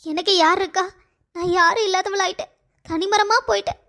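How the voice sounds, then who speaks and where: A woman's voice: high voice, a little fast, natural voice. A woman voicing an aging, self-pitying mother-in-law who wails her complaints in a cartoon story. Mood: bitter. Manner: wailing complaint.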